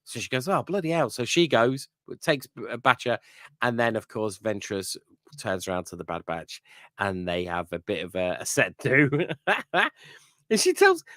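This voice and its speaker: Male podcast co-host, slightly low voice, dry booth sound, loose rambling recap style. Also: very animated, a little slow, sharp tone, dry recording. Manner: rambling plot recap with fillers and tag questions. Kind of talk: casual episode review chat.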